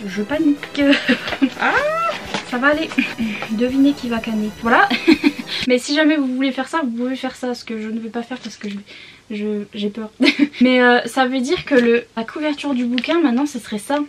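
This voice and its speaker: A young woman from France chatting casually while unboxing books, excitable and often breaking into giggles. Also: high-pitched, normal speed, faint music behind. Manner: giggly, excitable, often laughing between phrases. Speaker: book vlogger.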